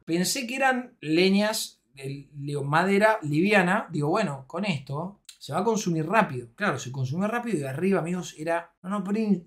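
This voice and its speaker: A man's voice: sits high, fairly bright tone. A man with an Argentine accent casually telling viewers a story in a loose, slangy, self-mocking way, often trailing off and restarting. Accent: Argentine Spanish. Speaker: streamer telling a travel story.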